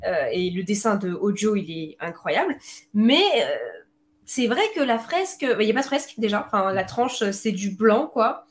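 A woman's voice: medium pitch, expressive, normal speed. A woman chatting on an online podcast, talking freely with many fillers and small restarts. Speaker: podcast panelist. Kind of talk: casual online chat. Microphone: home computer mic on a video call.

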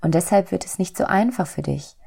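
A woman as a gentle, patient God. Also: fairly low pitch, fairly quick, gravelly, husky. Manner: gentle, calm explaining. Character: kind, calm, patient God, fatherly. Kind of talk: storybook reading.

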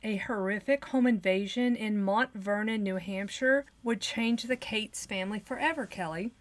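A woman co-hosting a podcast, chatting casually and narrating a true crime case in a steady, measured way. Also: medium pitch. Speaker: podcast co-host.

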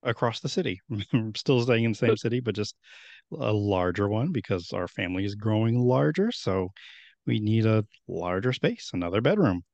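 A man in his thirties with a lowish voice hosts a podcast in a loose, rambling way. He speaks close to the mic in a dry room. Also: animated, moderate pace, vocal fry, a little mellow, dry recording, lo-fi sound. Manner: rambling, friendly, with many restarts. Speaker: podcast host. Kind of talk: casual podcast chat.

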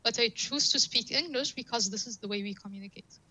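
Speaking a little fast in a voice on the high side, a woman whose first language is Arabic explains her data science work earnestly as an interview guest. She leans on analogies often, and the audio quality is poor.

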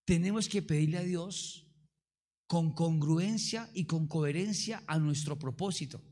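A man preaching a sermon, animated and acting out prayers in different voices. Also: on the high side, breathy edge. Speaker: pastor.

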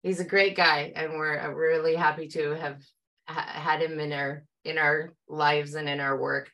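Bright-voiced, lower-pitched middle-aged woman. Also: little pitch movement, normal speed. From Canada. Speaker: film producer, interview guest. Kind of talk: casual conversation.

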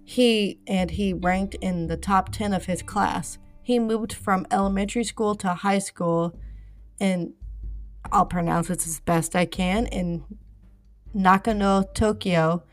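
A woman's voice: medium pitch, fairly even intonation, slow, faint music behind. A woman reading a true-crime script with casual asides, stumbling often, apologizing and using many fillers, with the hiccups.

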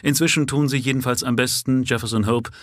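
A man's voice: medium pitch, fairly even intonation, fast, a bit bright, no room sound, pitched above the performer's own voice, lightly acted. Man reading formal police inspector, mechanical, official, dry.

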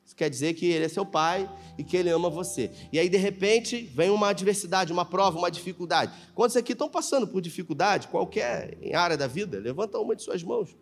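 A man with a Brazilian Portuguese accent, a pastor preaching a live sermon in church, animated and acting out dialogue in voices. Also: sits high, fast, hardly any pauses, faint music behind. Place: church sanctuary.

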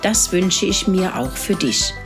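An older woman narrating a children's story in a gentle, expressive reading manner. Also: fairly low pitch, measured pace, music in the background.

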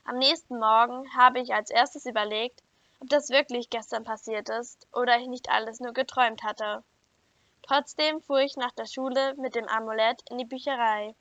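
A woman reading a first-person children's story aloud in an even, clear storytelling manner. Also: on the high side, moderate pace, no room sound. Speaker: story reader. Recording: dull lo-fi dry recording.

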